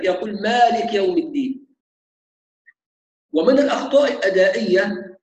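A man teaching Quran recitation, slowly demonstrating sounds and repeating them. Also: high voice, roomy sound, poor audio. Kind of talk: tajweed lesson.

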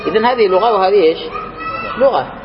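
A man with a high voice teaches a grammar class, stretching out his readings of the text before explaining it and quizzing the room. The sound is dull and lo-fi, with a long hall reverb and faint hiss behind him. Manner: reads quoted lines slowly and higher, then explains and quizzes students.

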